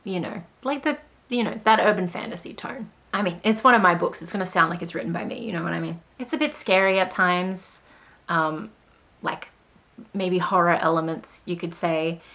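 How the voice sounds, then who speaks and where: A woman's voice: lowish voice, moderate pace, a bit bright. A woman author talking straight to the camera in a casual vlog, wry and self-deprecating, with a sarcastic edge. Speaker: author vlogger.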